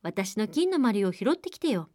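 A woman's voice: mid-range voice, big pitch swings, normal speed, a little mellow, no echo, clean studio sound, natural voice. Storybook princess, young and spoiled, dismissive tone, read by a woman. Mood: haughty. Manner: haughty, dismissive, fretful. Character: spoiled young princess, haughty then flustered.

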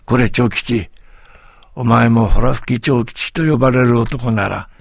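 A man's voice: mid-range voice, measured pace, gravelly, no echo, studio quality. A man voicing a proud, commanding village master and martial artist who talks in an old-fashioned way.

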